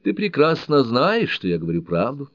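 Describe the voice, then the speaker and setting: A man reading an audiobook, voicing a frank, outspoken married woman who speaks in a lively, candid way, on a dull lo-fi recording. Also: medium pitch, moderate pace, no room sound, voice pushed up, lightly acted.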